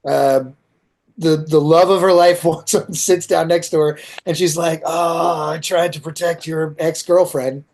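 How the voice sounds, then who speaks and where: A man chatting on a podcast with a sarcastic, profane edge. His voice sits a little high for a man, and he slips into mocking impressions as he rants. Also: steady tone, unhurried, darkish tone. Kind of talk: casual chat.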